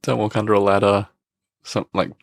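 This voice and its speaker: A man's voice: fairly low pitch, level tone, moderate pace, gravelly, no echo, clean studio sound. A man co-hosting a sports podcast, joking, self-mocking and swearing freely. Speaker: podcast co-host. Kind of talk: casual chat.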